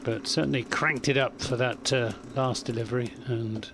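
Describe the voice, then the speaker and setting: A man's voice: mid-range voice, steady tone, moderate pace. Wry male cricket commentator, faint background noise. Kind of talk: analytical live cricket commentary.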